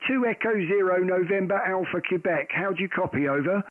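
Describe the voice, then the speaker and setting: Higher-pitched man, thin radio sound. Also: a little fast, narrow, tinny audio, noisy background. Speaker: host of a live amateur radio stream. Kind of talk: casual radio chat and call-sign exchanges. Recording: thin band-limited radio-like sound, dry.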